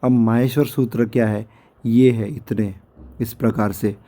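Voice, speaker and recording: Hoarse male teacher for a recorded lecture, very dark mellow tone, slow and patient, drills each syllable. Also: medium pitch, steady tone. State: hoarse, sore throat. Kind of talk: lecture over a screen recording.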